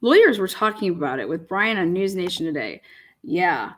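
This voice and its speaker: Female co-host, casual stream chat, animated delivery, laughs a lot, salty language. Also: lowish voice, moderate pace. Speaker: livestream co-host. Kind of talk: casual livestream chat reading viewer comments.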